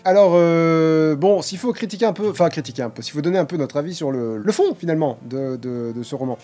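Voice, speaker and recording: A man talking over a novel with a co-host in a playful, easygoing way, often pausing on fillers and laughing. His voice sits a bit high for a man, with faint music in the background. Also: mellow. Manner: playful, hesitant with many fillers, laughs a lot. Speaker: book reviewer, co-host. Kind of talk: casual book chat on video.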